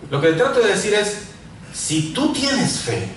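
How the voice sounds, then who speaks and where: A man from Mexico, preaching a sermon full of personal testimony and swinging from loud calls to quiet asides. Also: high-pitched, wildly swooping pitch, measured pace. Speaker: pastor. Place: large echoey church hall. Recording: echoey church hall, mic far off, faint noise.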